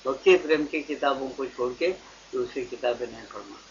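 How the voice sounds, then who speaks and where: A man's voice: mid-range voice, a little fast. An older Indian man giving a devotional discourse to a gathering. He keeps asking his listeners questions and acts out little back-and-forth dialogues. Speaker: spiritual teacher. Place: satsang gathering hall. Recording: dull lo-fi archival tape with faint hiss.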